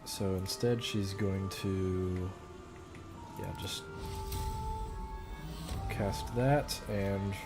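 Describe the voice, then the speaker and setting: Slow, low-voiced man thinking aloud. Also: loud music behind the voice. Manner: thinking aloud, relaxed, muttering plans. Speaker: gamer. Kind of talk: casual gameplay commentary.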